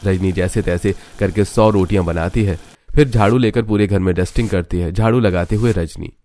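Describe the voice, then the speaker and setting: A man with a fairly low voice reads a cartoon story aloud. His narration is steady and scripted throughout. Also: a little fast.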